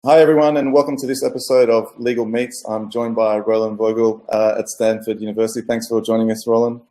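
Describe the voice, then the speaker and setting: Podcast host, man, warm dark tone, faint music behind, loose rambling questions. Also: medium pitch, little pitch movement, fast. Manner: rambling questions with many fillers. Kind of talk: casual interview.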